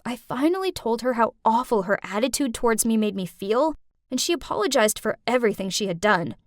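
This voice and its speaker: A woman narrating an animated story in first person as a scheming teenage schoolgirl, in an expressive, animated storytelling manner. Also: on the high side, brisk, no echo, clean studio sound.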